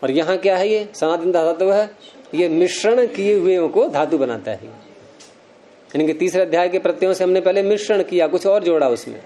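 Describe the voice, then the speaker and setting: A man lectures a roomful of students on grammar, working through each rule patiently and stopping to put questions to the class. His voice sits a little higher than most men's but has a soft, mellow tone. It's an unhurried classroom lecture. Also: slight background noise. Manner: explains step by step, quizzes students. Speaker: Sanskrit grammar teacher.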